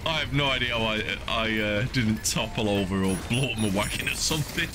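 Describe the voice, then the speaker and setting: Speaking fairly quickly in a fairly low voice, a middle-aged man streams a video game live and riffs casually, playfully feigning indignation. He's in a small indoor streaming spot wearing a headset. The background is noisy with game music and vehicle sounds.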